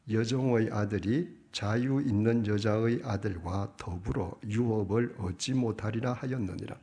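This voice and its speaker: A man's voice: fairly low pitch, darkish tone. A man preaching a sermon, reading scripture aloud and putting rhetorical questions to the congregation. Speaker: pastor.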